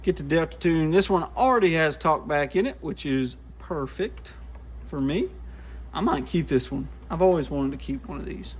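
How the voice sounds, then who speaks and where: This radio repair shop vlogger chats to himself at his bench in a small indoor workshop, giving relaxed, folksy, hands-on commentary. He speaks at a normal speed in a fairly high, animated voice, with slight background noise.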